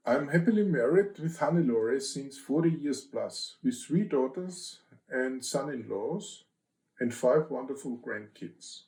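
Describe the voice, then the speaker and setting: Older man, from Austria, interview guest, terse clipped phrases, gravelly, mellow, roomy sound. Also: mid-range voice, lively intonation, measured pace. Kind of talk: interview answers.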